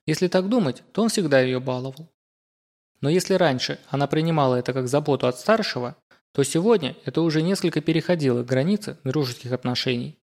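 A man reading a fantasy novel aloud as narrator in an even, measured way. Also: a little high. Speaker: audiobook narrator. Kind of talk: scripted narration.

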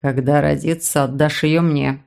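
A woman's voice: low-pitched, fairly even intonation, a little slow, creaky, darkish tone, voice pushed down. A woman voicing a sarcastic, domineering man who mocks and hisses at his young sister, in a Russian audiobook. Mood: menacing. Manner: mocking, hissing.

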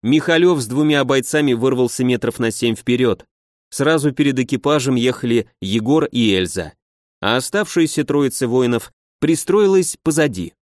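A man's voice: mid-range voice, lively intonation, normal speed, no room sound, studio quality. A man narrating a first-person audiobook in a wry, conversational way.

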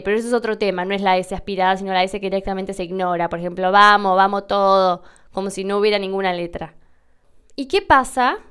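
Argentine woman with a very clear voice. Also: mid-range voice, fairly bright tone. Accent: Argentine Spanish. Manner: slow, careful demonstrations of pronunciation. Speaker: podcast host answering listener questions. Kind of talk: explanatory Spanish lesson.

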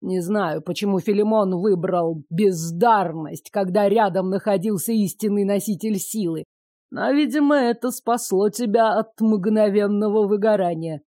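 A cruel, power-hungry sorcerer sneers in a slow, gloating drawl, as a woman narrator puts him on. The voice sits lower than her own and stays mellow. The audiobook recording is dry and close. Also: dry recording, natural voice. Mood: mocking.

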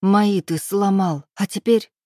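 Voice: medium pitch, measured pace, no echo, clean studio sound, lightly acted. An audiobook reader voicing a proud, wounded young woman who speaks curtly and bitterly, her voice raised above the reader's own. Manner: curt, bitter, rising to shouts.

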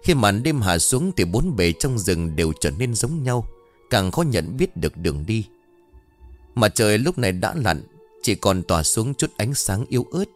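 A man narrating a ghost story in an expressive, dramatic reading style. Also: fairly low pitch, normal speed. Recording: faint background music. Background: soft music.

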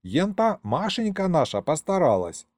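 Brief: folksy old grandpa, high and drawn-out, mellow dry audiobook voice, played by a man. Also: sing-song, no room sound. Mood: doting. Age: older. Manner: folksy, calls him grandson. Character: doting old village grandfather, folksy and fond.

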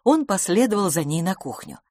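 A woman narrating an audiobook in an expressive storytelling manner. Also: on the low side, a little fast, no echo, clean studio sound.

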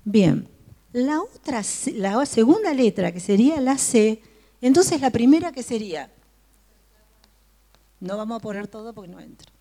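A woman's voice: a little high, big pitch swings, measured pace, pauses often, warm tone. A woman teaching a Bible study to a group, often asking her listeners questions. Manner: asks the listeners frequent questions.

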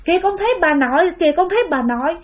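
A small girl, high and quick, breathlessly insisting that everyone look where she points, as a woman storyteller puts her on. She babbles on in a Southern Vietnamese accent, her bright little voice climbing as she goes. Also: expressive. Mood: excited, urgent. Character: excited little girl of three.

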